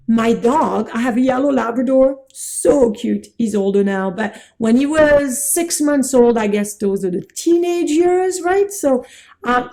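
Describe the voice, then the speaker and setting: A middle-aged woman teaching Chinese medicine in a chatty, excitable way, laughing at herself as she goes. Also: a little high. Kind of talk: informal lecture.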